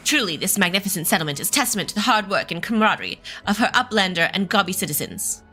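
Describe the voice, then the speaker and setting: A theatrical game gentleman inspector acted out by a woman, pompous and florid. The voice is bright and forward, with music behind it. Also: medium pitch, animated, quick pace. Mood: pompous, cheerful.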